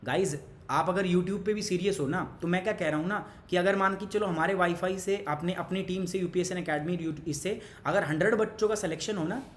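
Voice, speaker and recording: A man's voice: sits high, a little fast, roomy sound, a little hiss or hum. A young man teaching an online exam-prep class, chatty and pushy, mixing Hindi with English and asking the class questions as he goes. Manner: pushy, motivational asides to students.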